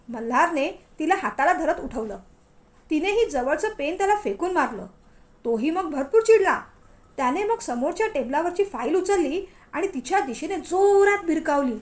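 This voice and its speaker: A woman narrating a story in a lively, expressive way. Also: high voice.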